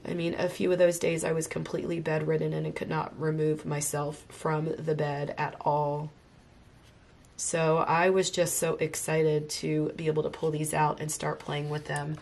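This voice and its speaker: Low-pitched and darkish in tone, this woman's voice carries vocal fry, a level tone, and normal speed. As an art tutorial host at her home craft desk, she colors and chats eagerly, sounding a bit congested from illness.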